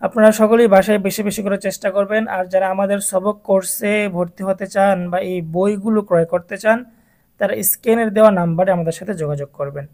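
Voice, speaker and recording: A Quran reading teacher from Bangladesh, with a Bangladeshi Bengali accent, giving a recorded class to adult beginners and patiently drilling letter sounds, repeating each one slowly. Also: mid-range voice, steady tone, darkish tone.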